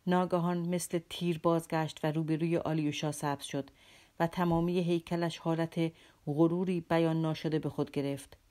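A woman narrating a classic novel as an audiobook, measured and dramatic. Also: low-pitched, flat delivery, mellow. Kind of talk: scripted literary narration.

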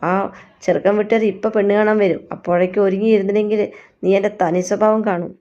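Bossy nagging mom, woman reading it out, sharp scolding, kinda dull lo-fi audio. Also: mid-range voice, steady tone, fast, lightly acted. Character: stern scolding mother of a young woman.

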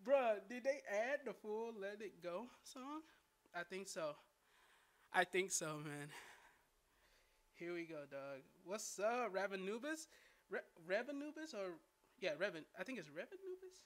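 A man's voice: high-pitched, lively intonation, measured pace. A young man live-streaming a game, greeting chat by name with lots of slang and hyped chatter.

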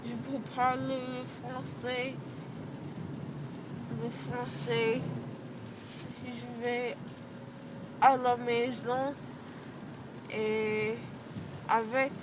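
A woman's voice: a little high, flat delivery, extremely slow, long pauses. A young woman, drowsy and rambling after wisdom tooth surgery, talking with gauze in her mouth and slurring her words. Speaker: patient after wisdom teeth removal. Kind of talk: casual chat. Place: car. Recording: loud road noise, distant mic.

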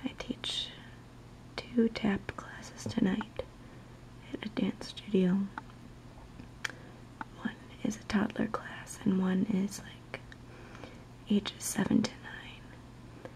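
Young woman doing soft whispery asmr chat, gentle and soothing, bit of creak in her voice. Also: medium pitch, little pitch movement, low-quality recording. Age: young adult. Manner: gentle, unhurried, soothing murmur. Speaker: ASMR video maker.

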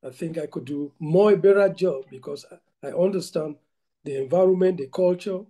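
A middle-aged man from Cameroon speaks on a video call from a room at home. His voice is fairly high and strikingly tense and forceful. He talks haltingly, with many "uh"s and restarts. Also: rough recording. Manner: hesitant, many fillers and restarts. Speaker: football coach. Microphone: video call laptop mic.

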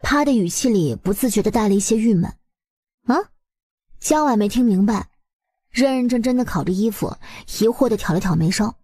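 A woman's voice: mid-range voice, lively intonation, a little fast, dark tone, husky, no echo, clean studio sound. A woman narrating a webnovel story expressively, in a colloquial, dramatizing storyteller's manner.

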